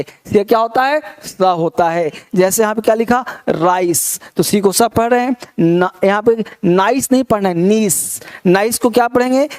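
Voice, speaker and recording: A man from India giving an English pronunciation lesson. He drills word lists slowly and deliberately, explaining each rule in plain teacher's talk. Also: high-pitched, a little mellow. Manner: slow, drawn-out word-by-word drilling.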